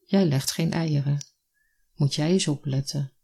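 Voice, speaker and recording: The voice of a blunt young village man who loves birds, as a storyteller reads his lines. He speaks plainly and matter-of-factly with quiet earnestness. The tone is husky and a little breathy, at a middling pitch. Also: a little slow. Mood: earnest.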